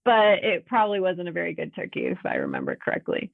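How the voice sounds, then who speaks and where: Low-voiced woman on a tinny call. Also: huge pitch swings, quick pace, creaky, dry recording. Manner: chatty, laughs often, many fillers. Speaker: podcast guest. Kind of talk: casual conversational interview. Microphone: video call. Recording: tinny phone-like audio.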